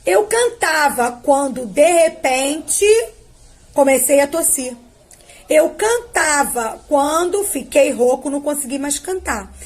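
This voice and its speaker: A woman with a high voice and a Brazilian accent teaches grammar to young pupils. She speaks slowly and patiently and stretches each verb form as she drills it. She keeps checking in with a short "tá?". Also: animated. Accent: Brazilian Portuguese. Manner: ends phrases with a checking "tá?". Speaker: primary school teacher. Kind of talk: grammar lesson to children.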